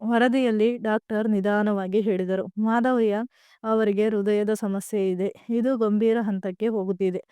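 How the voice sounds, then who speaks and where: A woman narrating a family drama story in a gentle, even reading voice, with a few restarts. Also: mid-range voice, clean tone, no room sound.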